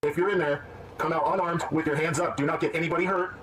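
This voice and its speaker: A man's voice: fairly high pitch, steady tone, fast. A man, a sheriff's deputy, giving firm commands through a megaphone. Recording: echoey outdoor loudspeaker with street noise.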